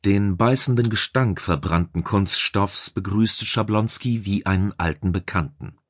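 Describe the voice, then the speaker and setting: A man reading a science fiction audiobook in calm, measured narration. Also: on the low side, husky, no room sound, clean studio sound. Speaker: audiobook reader.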